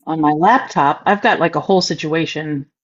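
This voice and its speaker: A woman co-hosting a live stream, relaxed as she talks through her camera and laptop setup. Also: low-pitched, moderate pace, lo-fi sound. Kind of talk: casual live-stream chat.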